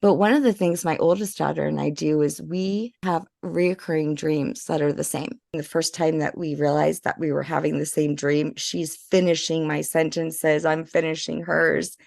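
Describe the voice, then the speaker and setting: Female podcast host; low and gravelly, affirming, dry close sound. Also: fairly even intonation, darkish tone, dry recording. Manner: affirming, quick to agree. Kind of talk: casual interview.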